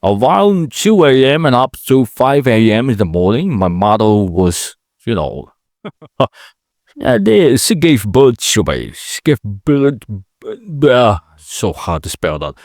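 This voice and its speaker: This Indonesian podcast host in his late twenties talks alone to his camera mic, speaking English with an Indonesian accent in a rambling, chatty vlog style that halts and self-corrects. His mid-range voice swings widely in pitch and has a darkish tone. The recording is dry and clean, like a studio.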